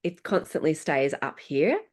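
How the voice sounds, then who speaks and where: A middle-aged woman speaking as a podcast guest, telling her story in a casual, animated way and laughing often. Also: sits low, measured pace.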